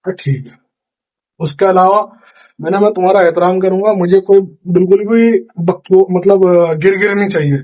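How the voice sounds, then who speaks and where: Young Indian man, high voice, chatty storyteller vlogging from his kitchen at night. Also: normal speed. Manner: chatty, animated retelling with quoted dialogue. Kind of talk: casual storytelling vlog.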